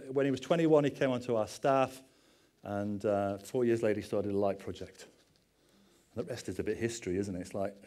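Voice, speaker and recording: A man's voice: medium pitch, a little mellow. A middle-aged man, a pastor giving a conversational sermon with personal stories and self-deprecating asides.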